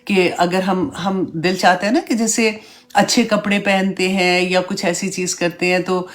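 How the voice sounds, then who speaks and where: Female religious teacher, lower register, relaxed classroom talk, mixes in English, checks in with students. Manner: conversational, mixes English words into Urdu; checks in with listeners, "right?", "hai na?". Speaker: Islamic teacher. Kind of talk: online religious class lecture.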